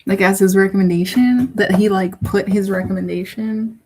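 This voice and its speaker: A woman's voice: mid-range voice, steady tone, moderate pace, darkish tone, husky, low-quality recording. A woman hosting a casual livestream. She talks in a chatty, giggly, rambling way, often restarting her sentences. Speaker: livestream host.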